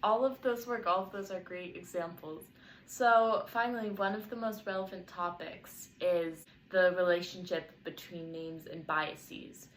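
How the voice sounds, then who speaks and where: A young woman with a fairly low voice conducts a student interview. She reads her prepared questions and explanations carefully, as if working from notes, with a faint hiss behind her. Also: steady tone, a little slow, rough recording.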